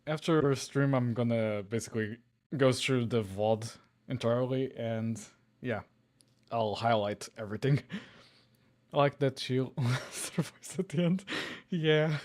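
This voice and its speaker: A man's voice: medium pitch, measured pace, a little mellow. A man hosting a live coding stream, talking casually with his chat. He chuckles often and trails off mid-sentence.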